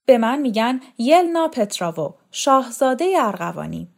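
A woman's voice: a little high, animated, a little mellow, voice pushed up, close to an everyday voice. A woman reading the part of a vain, demanding actress with a haughty manner. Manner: haughty, insistent.

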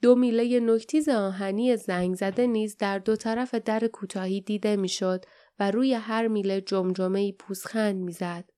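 Smooth-voiced woman narrating an audiobook. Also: medium pitch, steady tone, mellow. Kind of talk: scripted narration.

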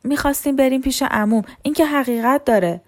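A woman's voice: high-pitched, voice pushed up, close to an everyday voice. A woman playing a frightened pleading young woman. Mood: pleading, shaken. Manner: pleading, voice trembling.

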